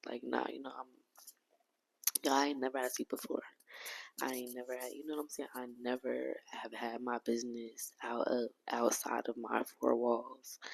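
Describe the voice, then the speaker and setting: A woman's voice: a bass voice, gravelly, low-quality recording. A woman hosting her own podcast, talking candidly in a heartfelt, rambling way with casual slang and frequent restarts. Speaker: podcast host.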